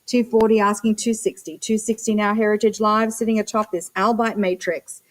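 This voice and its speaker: A woman's voice: mid-range voice, little pitch movement, moderate pace. A woman working as a live auctioneer, chanting bid numbers and prompts between short descriptions of the lots.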